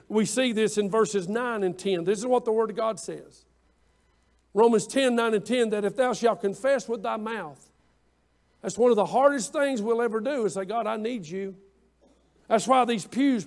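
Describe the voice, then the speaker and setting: A man's voice: high voice, darkish tone. A man preaching a sermon as pastor in a church, building to emphatic swells with repeated phrases. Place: church sanctuary.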